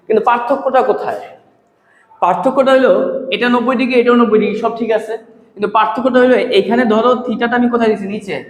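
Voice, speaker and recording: A man's voice: very high-pitched, fast talker. A male math teacher gives a classroom lecture, repeating key terms, quizzing his students and using rhymes as memory aids. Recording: echoey, reverberant room.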